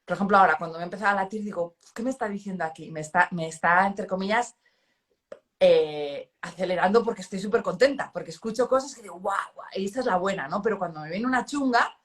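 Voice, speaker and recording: A woman's voice: medium pitch, quick pace. A middle-aged woman from hosting a conversation, talking expressively and reflecting on her own thoughts. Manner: expressive, animated, self-reflective. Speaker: host. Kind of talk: casual conversation.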